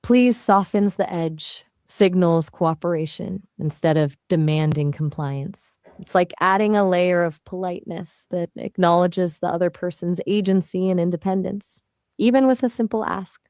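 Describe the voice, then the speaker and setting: A synthetic woman's voice, a fairly low AI assistant that answers questions in an easygoing, conversational manner. She talks in a chatty way with casual fillers. The sound is close and dry, with no room around it. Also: moderate pace, darkish tone, no room sound.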